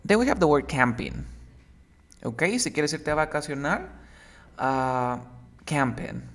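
A man's voice: on the high side, big pitch swings, slow. A man teaching English to a Spanish speaker, explaining words patiently and switching between Spanish and English. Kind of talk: bilingual English lesson.

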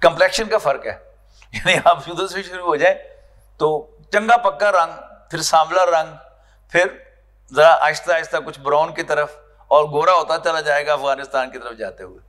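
A man's voice: fairly high pitch, moderate pace, a bit bright. A man with a Pakistani Urdu accent giving a classroom lecture on scripture, often putting questions to his students. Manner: explaining, asks the class questions. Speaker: Quran lecturer. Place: lecture hall.

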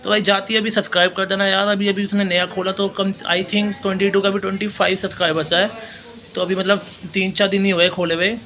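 A man's voice: high-pitched, little pitch movement, brisk, sharp tone. A young man chatting casually to viewers as a vlogger, filming himself on a phone at arm's length outdoors. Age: young adult. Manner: chatty, addresses viewers as brother. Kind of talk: casual vlog talk. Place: outdoors at a home doorway.

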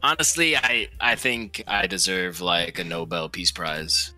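A man's voice: sits low, unhurried, bright, forceful tone, soft background music. A man from Russia telling a rambling, profane story in casual chat, mimicking others in a raised voice.

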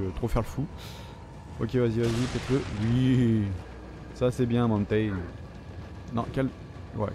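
A French man commenting on his own gameplay, swearing and reacting as he plays. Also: mid-range voice. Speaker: gamer. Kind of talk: let's play commentary. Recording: noisy background.

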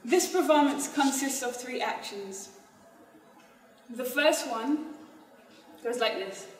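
A woman performance artist speaking to a live audience on stage, halting and informal, explaining instructions slowly. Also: high-pitched. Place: stage in a hall before an audience. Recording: echoey hall recorded from far off.

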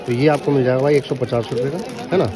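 Walking through a lively street market with a handheld camera, switching between point of view and selfie framing, a young man asks vendors about prices and repeats them to his viewers. His voice is medium-pitched and steady, and he talks fast. It's a casual walkaround vlog with outdoor crowd noise and chatter behind him.

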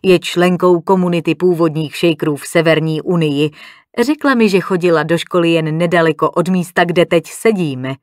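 A woman reading an audiobook, voicing a showy, confident wealthy man hosting a dinner party, announcing in a booming, theatrical way. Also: steady tone, a little mellow, dry recording, studio quality, lightly acted.

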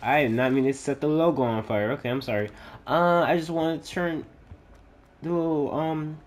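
A man giving casual let's-play commentary, excitable and chatty, reading game text aloud haltingly. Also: fairly high pitch. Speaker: gaming YouTuber.

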